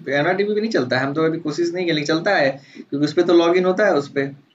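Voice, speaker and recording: A man's voice: on the high side, fast. A man with a lilt runs a casual online class, ribbing students by name in a slightly raised voice. The video call audio sounds dull, with a faint hiss underneath. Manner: teasing, jovial, calls on students by name. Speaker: teacher.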